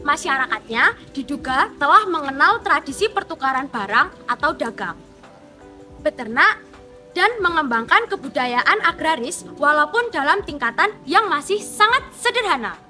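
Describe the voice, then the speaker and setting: Bright, lively high-voiced student woman. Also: moderate pace, soft background music. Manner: steady, read-aloud delivery. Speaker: student presenter. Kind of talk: reading a history explanation.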